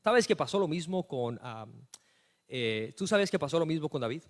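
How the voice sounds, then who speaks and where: A man preaching a sermon as pastor, telling stories and swinging from hushed asides to loud emphatic lines. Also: fairly high pitch, lively intonation, normal speed.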